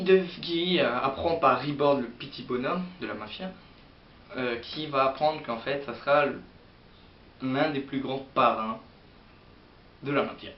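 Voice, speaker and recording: A young man chatting casually about manga to his viewers, hesitant and rambling with many fillers. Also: mid-range voice. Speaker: manga vlogger. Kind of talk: casual manga chronicle to camera. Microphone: built-in mic of an old computer setup. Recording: roomy, distant, dull lo-fi sound with faint hiss.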